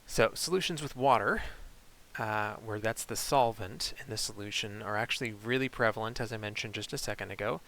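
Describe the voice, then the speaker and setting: A man teaching chemistry in a recorded online lecture, explaining in a relaxed way with frequent fillers. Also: fairly low pitch, fairly quick, vocal fry, low-quality recording.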